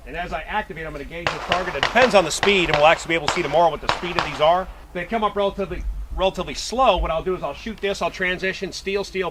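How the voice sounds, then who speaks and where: Man explaining a stage outdoors, noisy audio. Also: a little high. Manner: matter-of-fact, explanatory, counts out shot sequences. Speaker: competitive pistol shooter and vlogger. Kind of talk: casual on-location walkthrough. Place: outdoor shooting range.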